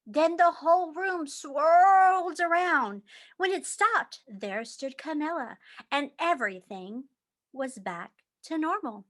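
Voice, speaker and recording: A woman reading a children's storybook aloud in an expressive narrating style. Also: high-pitched, takes it slowly. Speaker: read-aloud reader.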